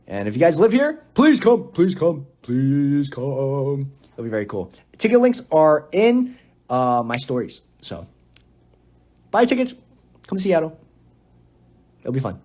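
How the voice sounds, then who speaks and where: A man's voice: on the high side, wildly swooping pitch, normal speed, long pauses, a little mellow. A young man chatting casually on a phone livestream, playful and giggly. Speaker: livestream host.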